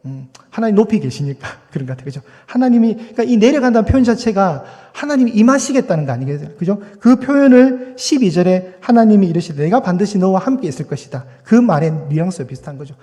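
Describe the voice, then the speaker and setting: High-voiced pastor preaching in reverberant hall. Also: male voice, sing-song, quick pace, hardly any pauses, dark tone. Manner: conversational preaching with rhetorical questions to the congregation. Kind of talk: sermon. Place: church sanctuary.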